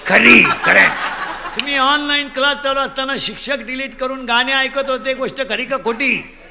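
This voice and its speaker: A man giving a comic devotional sermon, teasing the crowd and shouting questions for them to answer. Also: extremely high pitch, steady tone, normal speed, very noisy. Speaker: kirtan preacher. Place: live gathering.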